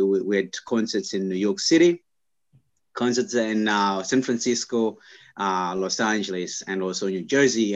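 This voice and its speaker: Soft-spoken man from Zimbabwe. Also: on the low side, lo-fi sound. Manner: halting, many "uh" fillers and restarts. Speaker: guest, scientist. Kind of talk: casual interview talk.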